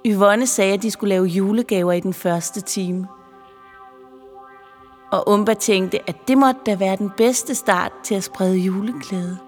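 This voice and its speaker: A woman reading a children's story aloud, expressive and playful. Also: medium pitch. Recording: long reverb with music behind.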